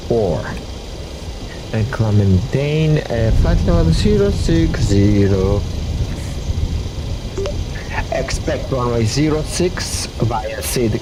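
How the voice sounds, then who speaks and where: A man playing flight simulator pilot, giving deliberate radio calls and commentary. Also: mid-range voice. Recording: clear aircraft cockpit noise. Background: aircraft cockpit hum.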